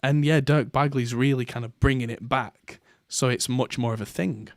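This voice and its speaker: A man chats through a podcast segment in a relaxed, rambling way, with lots of "uh"s and restarts. His voice sits in a middle pitch. The sound is dry and close, with no room around it. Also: normal speed, dry recording. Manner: rambling, with many fillers and restarts. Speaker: podcast host. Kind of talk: casual chat.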